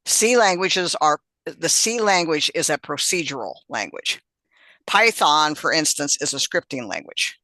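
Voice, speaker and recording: Brief: male instructor on a call, bright and tense tone, wanders with "uh"s between points. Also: fairly high pitch, expressive, a little slow, no room sound. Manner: meandering, many fillers and restarts. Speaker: meetup organizer and instructor. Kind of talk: casual explanation on a group call.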